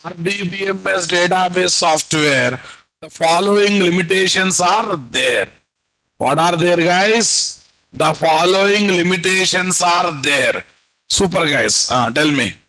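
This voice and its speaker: Male online instructor, Telugu Indian accent, slightly high-pitched, slow dictation with repeats and prompts to the class. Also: sharp tone, rough recording. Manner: repeats phrases, prompts students with questions. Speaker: programming instructor. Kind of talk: live online lesson, dictating notes. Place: indoor room at a computer, video call.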